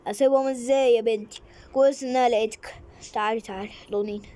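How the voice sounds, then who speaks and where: A woman's voice: fairly high pitch, steady tone, quick pace, warm tone, natural voice. A woman voicing a protective father who firmly questions the kidnappers in a game role-play. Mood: stern worried. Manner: firm, questioning. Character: worried father, protective and stern.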